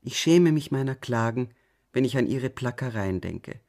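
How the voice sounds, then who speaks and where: A man narrating an audiobook in a calm, measured way, often going soft at the ends of phrases. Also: medium pitch. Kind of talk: scripted narration.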